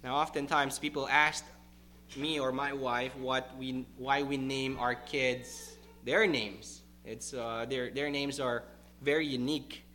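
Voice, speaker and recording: Slow emphatic preaching man. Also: medium pitch, little pitch movement, bright, forceful tone, slight background noise. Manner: emphatic, deliberate preaching with stressed repeated words. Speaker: pastor. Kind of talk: sermon.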